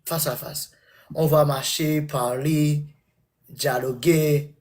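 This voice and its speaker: A man's voice: a little high, fairly even intonation, takes it slowly, a little mellow. A man who is not a native French speaker, flirting casually in broken French, groping for words and repeating them. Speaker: suitor in a live online matchmaking chat.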